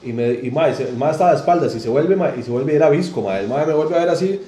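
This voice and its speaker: A man's voice: a little high, animated, fast talker, warm tone, roomy sound. A Costa Rican man with a Costa Rican accent, chatting casually as a podcast co-host and telling slangy stories. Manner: slangy, storytelling, laughs often. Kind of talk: casual chat.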